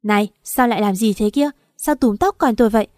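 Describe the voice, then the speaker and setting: A woman voicing a gentle mother who scolds her daughter in bitter reproach, in a mellow voice on a dry recording. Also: a little high, brisk, dry recording, natural voice. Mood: bewildered. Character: gentle older mother, shamed and angry.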